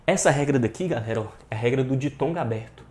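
A man's voice: mid-range voice, fast talker, warm tone. A man with a Brazilian Portuguese accent teaching an online exam-prep grammar lesson, often addressing viewers directly and repeating rules emphatically. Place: online class.

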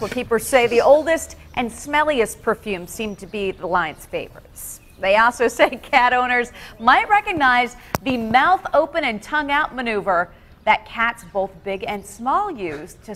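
A woman's voice: on the high side, a bit bright, slight background noise. A woman news anchor reading a light feature story.

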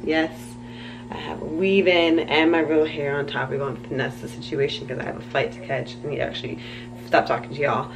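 A woman's voice: deep voice, flat delivery, brisk, gravelly. Young woman vlogger, bubbly, rambling, faint hiss behind, handheld camera feel. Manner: bubbly, rambling, lots of fillers. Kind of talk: casual vlog chat. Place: hotel room and travel.

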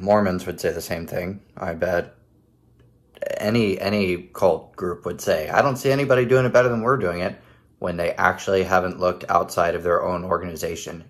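A man's voice: sits low, steady tone, moderate pace, fairly bright tone. A man in his thirties hosting a casual, critical commentary video from home, with a sarcastic edge. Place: living room at home.

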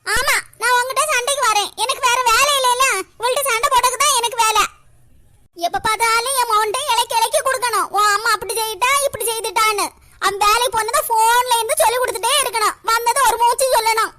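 A bitter, quarrelsome old mother-in-law voiced by a woman scolds in a very high, piercing cartoon voice. Her bright, sharp tone carries sarcasm and self-pity as she nags her daughter-in-law. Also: steady tone, fast talker. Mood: scolding. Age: older. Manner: scolding, sarcastic, breaks into crying. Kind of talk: cartoon comedy voice acting.

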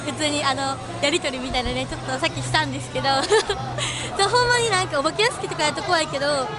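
A young woman chatting casually to camera as a vlog host, giggly, animated and exclamatory. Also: very high-pitched. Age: young adult. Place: large indoor amusement arcade. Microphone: handheld camera at arm's length. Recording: music and crowd noise behind.

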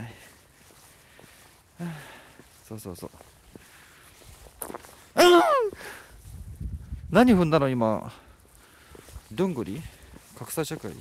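A man's voice: medium pitch, a little mellow, slight background noise. A man live-streaming outdoors at night, chatting casually and teasing as he reads out viewer comments. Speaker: livestreamer. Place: outdoors at night at a rural spot.

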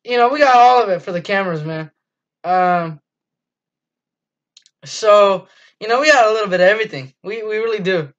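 A teenage fan channel host gives an enthusiastic, casual postgame review monologue from a small dim room, peppered with ums and restarts. His voice is high and fairly bright, at a moderate pace with frequent pauses. Dull lo-fi webcam audio captures it.

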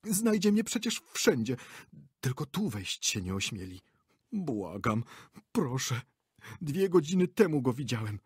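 A man's voice: mid-range voice, very animated, a little slow, slightly rough, dry recording, studio quality, voice pushed up, heavily acted. A man voicing a cowardly old theatre director who pleads in a trembling, lisping whisper. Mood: pleading.

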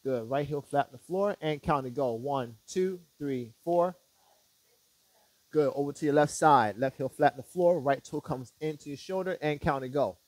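A man working as a fitness instructor, guiding stretches with short, measured step-by-step directions and counts. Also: on the high side, darkish tone, no room sound.

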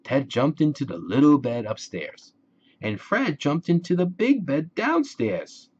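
A man reading a children's storybook aloud in a deliberate, expressive way for young listeners. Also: a little high, husky, muffled recording. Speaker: children's book reader.

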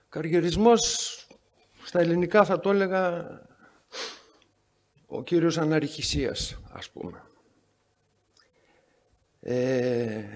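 A man's voice: fairly high pitch, gravelly. A man chairing a medical conference session, giving an introduction full of sarcastic, wry anecdotes. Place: conference hall.

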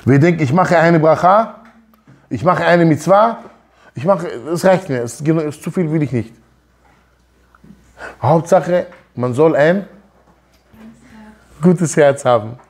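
In an office room with a wooden wall, a man in his thirties teaches Torah emphatically through a lapel mic, his voice on the high side. He takes it slowly with long pauses, throwing out rhetorical questions and sprinkling in Hebrew words.

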